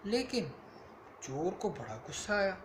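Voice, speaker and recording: A man's voice: high-pitched, sing-song, unhurried, echoey room, noisy background. A man telling his young daughter a bedtime story in a casual, explaining way. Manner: casual, explains to the child as he goes.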